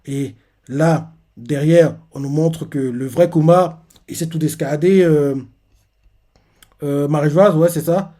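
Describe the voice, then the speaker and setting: A man's voice: on the high side, takes it slowly, pauses often, warm tone. A man hosting a live manga reaction. He retells a comic chapter in casual, rambling talk full of filler words and restarts.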